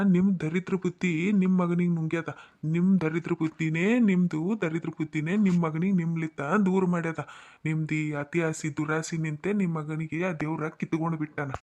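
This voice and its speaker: A man's voice: a little high, fairly even intonation, normal speed, a little mellow, lightly acted. A man voicing a stern middle-aged father in a cartoon who lectures and threatens, with a North Karnataka accent. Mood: stern lecturing. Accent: North Karnataka Kannada. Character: stern middle-aged father defending his widowed daughter. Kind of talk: cartoon voice acting.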